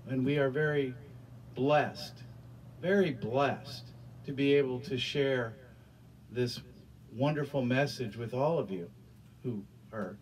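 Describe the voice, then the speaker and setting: A middle-aged pastor preaches and prays on a small church stage with curtains, speaking earnestly into a handheld microphone and often repeating himself. His medium-pitched voice is slow and sounds far from the mic in this rough recording.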